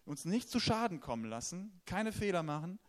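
Lively, animated German-speaking preacher. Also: male voice, sits high, normal speed. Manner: lively, conversational preaching with questions to the congregation. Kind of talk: sermon.

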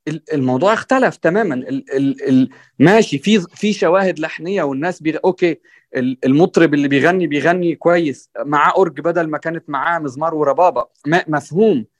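A man with an Egyptian accent speaks quickly in a slightly raised voice. He stumbles and restarts often, then presses his point earnestly and keeps asking "right?". The sound is dry and close to the mic. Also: on the high side, no echo. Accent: Egyptian Arabic. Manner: hesitant, many restarts and fillers, checks in with "right?"; earnest and exhorting. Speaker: guest musician on a panel. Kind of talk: conversational discussion.

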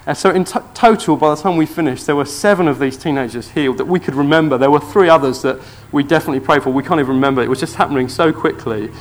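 A man preaching, telling a testimony story in church with earnest excitement. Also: on the high side, fast talker, few pauses.

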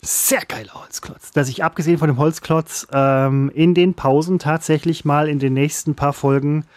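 A man's voice: medium pitch, darkish tone. A man co-hosting a podcast in casual banter, talking hesitantly with many restarts and getting defensive. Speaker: podcast co-host.

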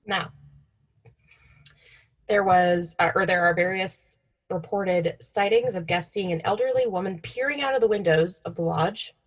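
A woman's voice: on the low side, a little slow, breathy edge. A young woman co-hosting in an informal, offhand way, telling stories partly read from notes. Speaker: podcast co-host.

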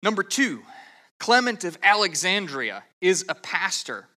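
This man's voice sits high with a sharp tone and big swings in pitch, and he takes his time. A pastor whose first language is English, he works through an expository sermon in earnest, methodical steps, now and then stumbling into a restart.

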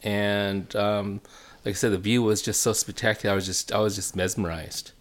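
A man chatting casually as an interview guest, telling stories haltingly with repeated words and restarts. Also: on the low side, little pitch movement. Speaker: food enthusiast interview guest. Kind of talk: casual storytelling chat. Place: home basement.

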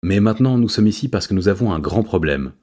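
A gruff, no-nonsense tomcat with a low, dark voice and a husky edge, as a man reading a storybook puts him on. He gets straight to the point. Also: expressive, fast talker. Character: gruff, practical male cat.

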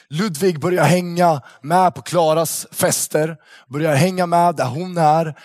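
Young male youth speaker with a lightly raised voice, lively and slangy storytelling, dry recording. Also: fairly high pitch, no room sound. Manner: animated storyteller, slangy with lots of fillers. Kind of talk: casual storytelling talk to young people.

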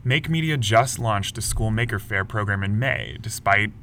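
A man co-hosting a news podcast, reading scripted headlines in a brisk, lightly wry way. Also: fairly low pitch, pushed and bright, slight background noise. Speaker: podcast co-host.

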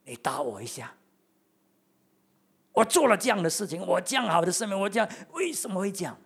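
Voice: mid-range voice, sing-song, brisk, creaky, breathy edge, full character voice. A preacher acting out a suffering man pleading with God, bewildered by his pain.

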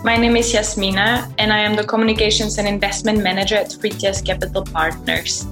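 A woman's voice: mid-range voice, steady tone, fairly quick. A woman moderating a podcast interview, with polite, formal phrasing. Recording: roomy, faint music behind.

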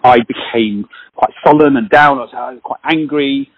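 A man's voice: mid-range voice, normal speed, slightly rough, dry recording, lo-fi sound. A man in his forties hosting a casual conversation, telling stories animatedly and swearing now and then. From British. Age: 40s. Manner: animated storyteller, swears, acts out voices. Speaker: podcast host.

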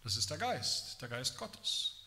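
A man preaching a sermon, emphatic, rising loud when he quotes. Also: medium pitch, big pitch swings, slow pace. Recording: long hall reverb.

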